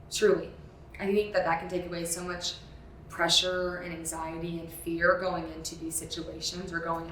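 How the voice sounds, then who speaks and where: A woman talks alone on her podcast, earnest and emphatic, and she repeats words to drive a point home. Her voice sits on the lower side. The room echoes, and a faint hum runs under the recording. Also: a bit bright, recorded from a distance. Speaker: podcast host. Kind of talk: reflective solo podcast monologue.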